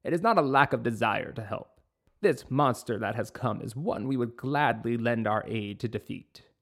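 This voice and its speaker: A man voicing a grim, measured old wizard. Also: mid-range voice, close to an everyday voice.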